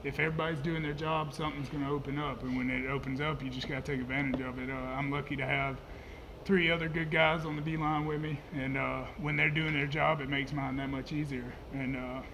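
A man's voice: mid-range voice, level tone, fairly quick, background noise. A college football player in his twenties answering post-game press questions in a laid-back, plain-spoken way. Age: 20s. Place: press conference room, indoors. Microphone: table microphone.

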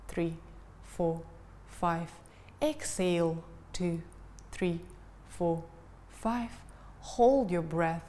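Slow-paced woman leading breathwork. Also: fairly low pitch. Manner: calm, instructional, counting and cueing. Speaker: breathwork instructor. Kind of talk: guided breathing lesson. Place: living room, indoors. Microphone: lavalier lapel mic.

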